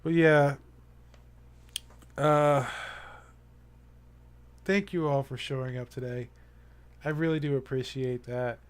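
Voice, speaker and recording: A young adult man chats casually with his live-stream viewers, rambling earnestly, restarting sentences and leaning on fillers. His clean voice sits at an ordinary middle pitch with fairly even intonation. He speaks slowly and pauses often.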